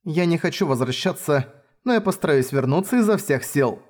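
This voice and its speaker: Man doing a young noblewoman swordfighter, earnest, brave, lifted girlish pitch, audiobook. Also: lively intonation, moderate pace, close to an everyday voice. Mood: determined.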